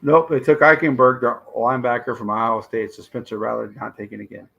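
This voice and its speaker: A man hosting a live stream, hoarse and losing his voice, reacting to draft picks and answering his chat in casual commentary. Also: mid-range voice, level tone, brisk, bright, forceful tone, muffled recording. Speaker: livestream host.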